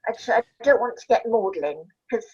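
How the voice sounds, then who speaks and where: Older woman from Scotland, higher voice, chatty guest, lo-fi recording. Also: expressive, normal speed, husky. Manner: chatty, laughing, rambling anecdotes. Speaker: interview guest, actress. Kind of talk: casual chat.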